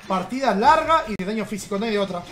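Playing on stream, a man keeps up a casual, teasing commentary and chats with his viewers. He speaks quickly in an expressive, high-pitched voice, and a little hiss or hum runs through the audio.

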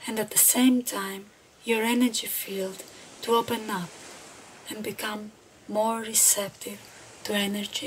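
Speaking in a mid-range voice, a woman leads a guided meditation at a slow pace, her phrasing gentle, unhurried and deliberate with pauses. Ambient background noise is clearly audible in the recording.

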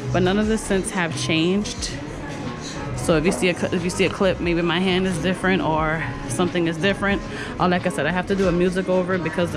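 A woman casually vlogging while shopping in a store, rambling and pointing out prices, with loud store music behind her. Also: fairly low pitch, low-quality recording. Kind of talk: casual shop-with-me vlog. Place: inside a busy retail store. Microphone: handheld camera.

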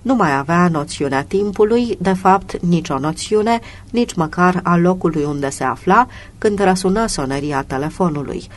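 A narrator giving a measured, even reading of a detective novel as an audiobook. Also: mid-range voice, a little hiss or hum. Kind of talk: scripted narration.

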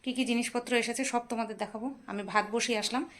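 A woman's voice: fairly high pitch, steady tone, fast, poor audio. A woman chatting casually to her viewers in a home vlog, tired after little sleep. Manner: chatty, addresses viewers directly. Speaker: home vlogger. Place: home, indoors.

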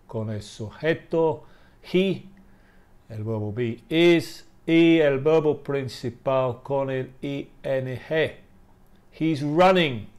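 Guy teaching english online, super slow, patient, repeats phrases, middle pitch. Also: darkish tone. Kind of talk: live online class.

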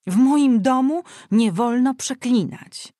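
A woman reading an audiobook voices a fussy, grumbling widowed aunt who exclaims and scolds loudly. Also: a little high, slow pace, dry recording, clean studio sound, voice pushed up. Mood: scolding.

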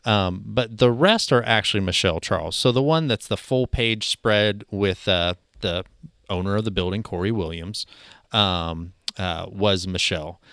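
Wry, low-voiced man podcast host. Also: moderate pace, fairly bright tone, no echo. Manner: dry, wry remarks. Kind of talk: casual newsroom chat. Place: studio.

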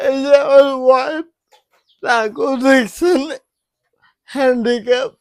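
A crying middle-aged man from West Bengal begs for help in a very high voice. He talks slowly and haltingly. The sound is dry and close. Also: dry recording. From West Bengal, India. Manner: pleading, halting. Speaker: man asking for donations. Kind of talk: emotional plea.

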